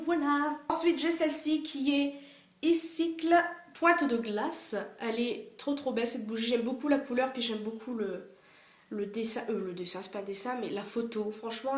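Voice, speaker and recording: Her voice sits a little high and the room sounds roomy as this young woman, a vlogger fighting a cold, casually chats about her collection. She gushes and leans heavily on fillers, speaking from indoors beside a window.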